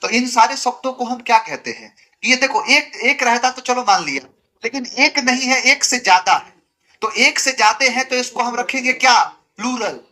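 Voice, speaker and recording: Male teacher, high-pitched and sharp, lecturing with lots of rhetorical questions and insistent corrections. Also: normal speed. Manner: asks rhetorical questions and answers them himself; emphatic, repetitive corrections. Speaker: English grammar teacher. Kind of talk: classroom lecture.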